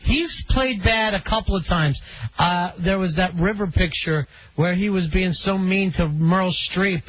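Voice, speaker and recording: A man's voice: high voice, unhurried, no room sound. A man hosting a call-in radio show, chatty and opinionated, taking callers on the line. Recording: dull lo-fi radio broadcast.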